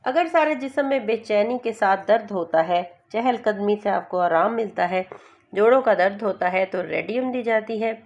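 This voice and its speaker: A woman presenting homeopathy, reading out remedies in a steady listing way with small slips. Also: medium pitch, normal speed, lo-fi sound.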